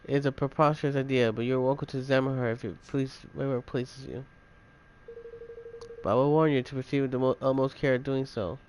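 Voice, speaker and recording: A pompous lord of a gambling town in a fantasy game, read aloud by a man. He is haughty and easily indignant, with halting phrasing. Faint noise sits on the recording. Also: mid-range voice, fairly even intonation, a little mellow, close to an everyday voice, low-quality recording. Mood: indignant, defensive. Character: pompous, scheming male master of a gambling town.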